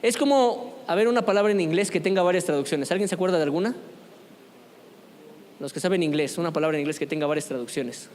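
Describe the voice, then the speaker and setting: A man's voice: fairly high pitch, quick pace, darkish tone, long reverb tail, a little hiss or hum. A man teaching a church youth group, speaking conversationally and often asking the group questions. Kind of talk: church youth lesson on apologetics. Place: church meeting room.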